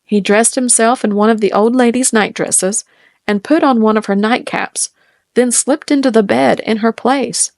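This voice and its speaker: A woman reading a fairy tale aloud in a gentle, measured storytelling manner. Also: on the high side, steady tone, no room sound, clean studio sound. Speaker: storybook reader.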